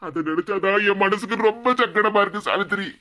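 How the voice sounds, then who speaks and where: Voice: medium pitch, brisk, sharp tone, lightly acted. A voice actor doing a weepy remorseful cartoon husband. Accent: Kanyakumari Tamil. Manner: lamenting, repeats phrases mournfully. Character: remorseful middle-aged husband and father, weepy. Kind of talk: cartoon comedy voice acting.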